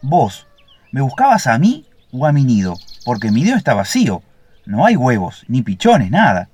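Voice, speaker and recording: A man voicing a vain, suspicious older male lapwing bird with a shrill, screeching voice in a storybook fable. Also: sing-song, moderate pace.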